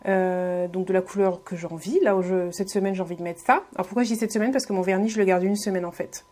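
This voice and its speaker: A woman's voice: medium pitch, steady tone, fast talker, dark tone. A woman giving a casual beauty tutorial voice-over, friendly and hesitant, with many fillers and restarts. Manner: friendly, addresses viewers directly. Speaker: beauty vlogger.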